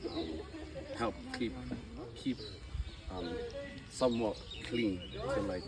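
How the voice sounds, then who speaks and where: A man answering interview questions, shy and halting. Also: lowish voice. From New Zealand. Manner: shy, halting, soft-spoken. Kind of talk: casual street interview. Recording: far from the mic, crowd behind.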